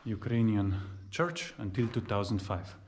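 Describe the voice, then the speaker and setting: Thirties male travel vlogger, non-native English, slow unhurried explainer, handheld camera, faint background noise. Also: on the low side. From former Yugoslavia. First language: Serbo-Croatian. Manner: explains calmly while exploring, slightly non-native phrasing. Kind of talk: casual walking tour commentary. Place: outdoors in a park, then inside an empty abandoned mansion. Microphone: action camera held at arm's length.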